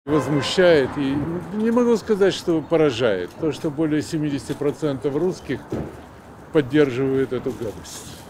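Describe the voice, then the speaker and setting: A man's voice: a little high, lively intonation, normal speed. Indignant older man from Ukraine on a street. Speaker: passer-by. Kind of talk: street interview. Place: city sidewalk outdoors. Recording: loud street noise outdoors.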